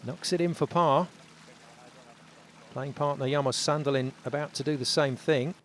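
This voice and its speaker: A man commentating on tournament golf, building drama in short, measured phrases. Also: on the high side, fairly even intonation, slight background noise.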